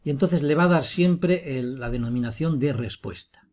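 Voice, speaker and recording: A man teaching, talking through a screencast software tutorial step by step in an explanatory manner. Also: mid-range voice, normal speed.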